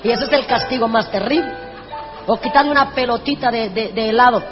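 A woman preacher telling lively, humorous stories in a sermon, acting out the dialogue. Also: a little high, brisk. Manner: animated, humorous, acts out dialogue. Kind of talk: storytelling sermon. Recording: echoey hall, dull sound, music behind.

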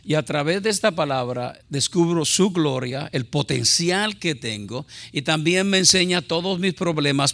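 Middle-aged man, pastor, sermon, gravelly voice, bright and forceful. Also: on the high side. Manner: impassioned, conversational, rhetorical questions.

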